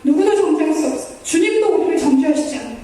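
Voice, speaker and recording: A woman's voice: high-pitched, animated, very fast, mellow. A woman missionary preaching a sermon, earnest and pleading, acting out prayers in the first person. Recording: echoey hall from far off.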